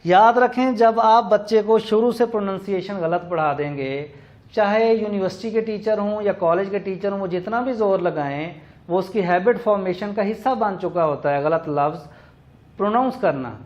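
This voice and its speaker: A man giving a recorded lecture on teaching English words, explaining slowly and spelling words out letter by letter. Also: sits high, darkish tone. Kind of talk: classroom lecture. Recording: dull lo-fi recording.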